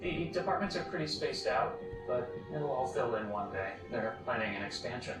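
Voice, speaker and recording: An actor doing a mild-mannered office supervisor who talks gently and patiently, as if soothing someone. His voice sounds distant and echoey. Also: medium pitch, expressive, moderate pace, music in the background, natural voice. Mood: placating. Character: calm, polite office supervisor man. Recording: distant, echoey clip audio.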